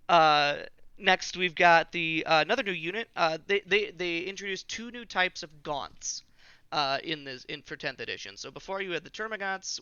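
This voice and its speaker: A man hosts a casual podcast, talking with enthusiasm and sprinkling his speech with filler words. His voice is bright and a little high for a man. The recording is dry and slightly dull. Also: clear, resonant tone, no room sound. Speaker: podcast host. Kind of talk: casual chat.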